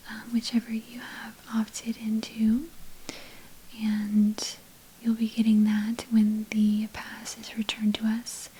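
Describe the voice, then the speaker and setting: Slow, whispered role-play woman librarian. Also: a little high, slight background noise, rough recording. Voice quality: breathy, unvoiced whisper. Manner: soft library whisper, unhurried and polite. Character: patient, helpful public library clerk. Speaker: ASMR performer playing a librarian.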